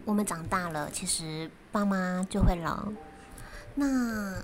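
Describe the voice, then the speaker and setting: A woman with a Taiwanese accent and a slightly low voice talks casually to her viewers. She chats while eating, with hesitant, halting phrasing. Music plays clearly behind her voice. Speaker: vlog host. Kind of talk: casual solo chat to viewers. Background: prominent music.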